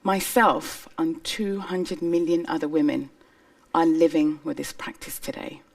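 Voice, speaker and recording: Woman speaker from Somalia, lowish voice, earnest stage testimony, a bit off-mic. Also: steady tone, measured pace, creaky, a little mellow, distant mic. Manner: earnest, emphatic storytelling. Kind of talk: personal testimony talk. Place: stage before an audience.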